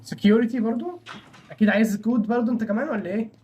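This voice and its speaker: A man's voice: high voice, rapid-fire, darkish tone. A young man with an Egyptian Arabic accent gives chatty, nervous commentary while playing a horror game, often apologizing to the characters on screen. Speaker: gaming channel host.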